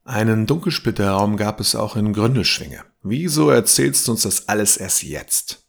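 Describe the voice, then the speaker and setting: A man voicing a plain-spoken young woman from a village, raising calm, matter-of-fact objections. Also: lowish voice, moderate pace, vocal fry, pitched above the performer's own voice.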